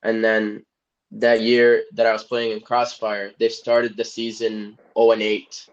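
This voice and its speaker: In dull lo-fi audio, a young soccer player from Egypt rambles easily through a casual podcast interview as a guest, laughing often. He talks at a measured pace in a monotone, low-sided voice.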